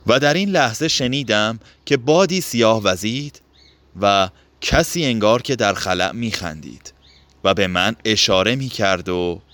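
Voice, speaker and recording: A man narrating a literary novel as an audiobook in a measured, expressive way. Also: fairly low pitch, dry recording.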